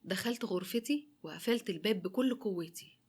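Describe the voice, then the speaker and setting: Young Egyptian woman narrator, rapid and dramatic, mid-pitched. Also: a little mellow, slightly rough. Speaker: storyteller. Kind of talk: first-person story narration.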